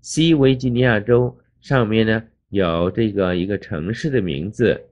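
Older guy giving a slow map lesson, really low voice, dull lo-fi sound, spells names out. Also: a little mellow. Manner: explains slowly, spells out English place names. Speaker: English teacher. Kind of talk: classroom lecture over a map. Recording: dull lo-fi recording.

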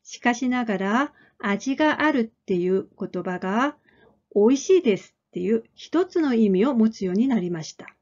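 A woman teaches a language lesson in a fairly high voice. She speaks clearly and deliberately, repeating each model phrase several times. The recording sounds somewhat muffled. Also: lively intonation, darkish tone. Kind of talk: slow, careful lesson explanation.

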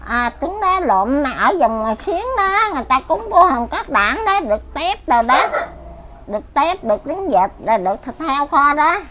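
This older woman, an elderly widow with a Southern Vietnamese accent, is being interviewed and chats casually, going over the same complaints about her life again and again. Her voice sits high and is very animated at a moderate pace. The recording is very noisy.

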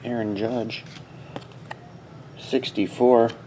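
The audio is poor, with a little hiss or hum, as a man opens card packs at a small indoor desk during a sports card box break. He speaks very slowly in a level, dark, mid-range voice, muttering brief, casual comments while sorting.

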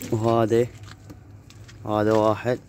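Speaking slowly in a lowish, darkish monotone, a man with an Iraqi Arabic accent chats casually while vlogging about his pigeons. He holds his phone to film on an open rooftop yard with low brick walls, and the outdoor audio picks up faint background noise.

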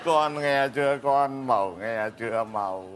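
A man's voice: mid-range voice, a little slow, a little hiss or hum, lightly acted. An actor with a Northern Vietnamese accent playing a desperate, melodramatic father who wails and pleads in a stage comedy. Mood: pleading. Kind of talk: live stage comedy sketch.

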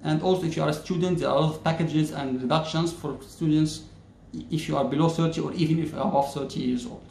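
An Egyptian YouTuber whose first language is Arabic gives a casual explainer to the camera, speaking slowly and measuredly with many "uh" pauses while gesturing with his hands. His voice is a little high for a man, steady, creaky and darkish. Echo rings through the plain-walled room, with a faint hum underneath.

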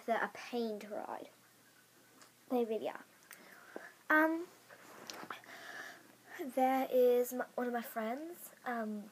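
A woman's voice: fairly high pitch, a little hiss or hum, rough recording. A female speaker giving a casual tour of a toy horse barn, rambling with many ums and whispered asides, filmed on a handheld phone in a bedroom. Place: bedroom with toy stable, indoors. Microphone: handheld phone camera.

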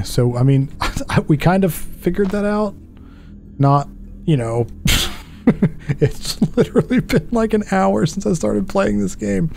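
A man in his thirties, wearing a headset, casually narrates a puzzle game as a gaming streamer in let's-play style. His mid-range voice has vocal fry and a darkish tone. He mutters to himself, sounding puzzled and self-deprecating.

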